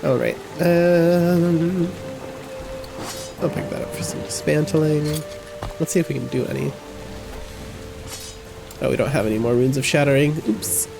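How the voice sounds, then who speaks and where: A man's voice: fairly high pitch, fairly even intonation, unhurried, gravelly, long pauses, music in the background. A man streaming a game live, giving wry, joking, chatty commentary.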